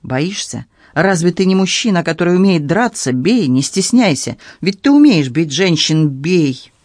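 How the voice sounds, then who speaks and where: A man reading the part of a ruthless, calculating woman in an audiobook, in a low, controlled, menacing tone. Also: big pitch swings, a little slow, a little mellow, dry recording, clean studio sound. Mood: cold, commanding.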